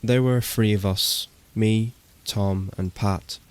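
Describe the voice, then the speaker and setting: A man reads a horror story in a very deep voice. His delivery is slow and steady. He keeps his pitch flat and unhurried throughout. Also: clear, resonant tone. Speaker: narrator. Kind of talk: scripted horror narration.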